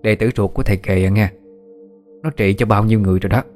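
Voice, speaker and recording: A bustling, talkative middle-aged woman who rattles on quickly, as a male storyteller puts her on. She sounds eager and chatty, with faint music behind her. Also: on the low side, fairly even intonation, darkish tone, natural voice.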